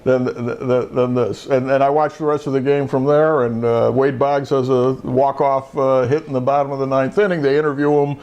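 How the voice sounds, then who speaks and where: A man's voice: medium pitch, little pitch movement, normal speed, few pauses, darkish tone, highs cut off. Older man telling a rambling anecdote. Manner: rambling anecdotes full of restarts and fillers. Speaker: show host, retired judge. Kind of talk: casual storytelling chat.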